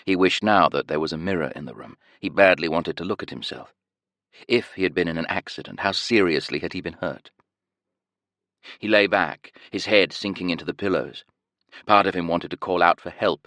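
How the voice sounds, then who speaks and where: Reading from a script, a low-pitched man narrates an audiobook with measured, expressive storytelling. The recording is dry, with clean studio sound.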